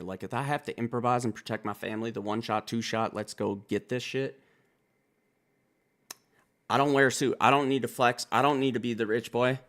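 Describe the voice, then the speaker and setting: Gravelly low-voiced country guy. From Wisconsin. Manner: animated, profane, self-styled country boy breaking down lyrics. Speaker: music reaction reviewer. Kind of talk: casual reaction commentary.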